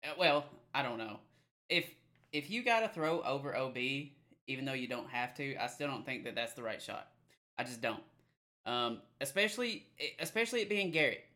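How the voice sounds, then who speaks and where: A man co-hosts a casual sports podcast in a bright, forward voice at a middle pitch. He talks hesitantly, with fillers, and often lets his sentences trail off. He tends to stumble before settling into his point. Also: lively intonation, normal speed. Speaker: podcast co-host.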